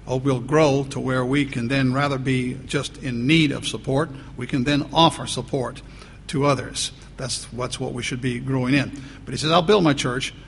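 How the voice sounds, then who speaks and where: A man preaching a sermon as pastor, talking conversationally and repeating phrases for emphasis. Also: medium pitch. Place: church. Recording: long church reverb, faint noise.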